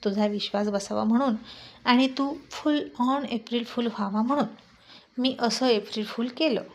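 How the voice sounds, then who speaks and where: A woman's voice: a little high, moderate pace, a little hiss or hum, close to an everyday voice. A woman voicing a playful young wife who teases carelessly. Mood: teasing. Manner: teasing, carefree.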